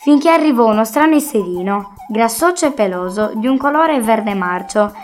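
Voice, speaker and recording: A woman reading a children's story aloud in a gentle, expressive narration. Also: fairly high pitch, moderate pace. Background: faint music.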